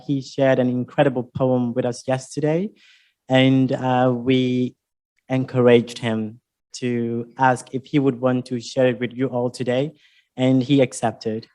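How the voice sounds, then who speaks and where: Flat-voiced man hosting an open mic. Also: mid-range voice. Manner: introducing performers, encouraging. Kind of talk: event hosting. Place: university exhibition room with seated audience.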